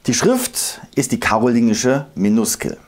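A man narrating a scripted history lesson, explaining emphatically and slowing down to recite old verses. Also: medium pitch, very animated. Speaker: history video host.

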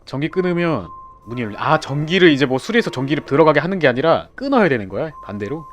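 This game streamer has a fairly high-pitched voice and talks fast over faint background music. He's a young man giving live commentary on a horror game, chatting with his teammates and letting out excitable yelps and shouts whenever he gets scared.

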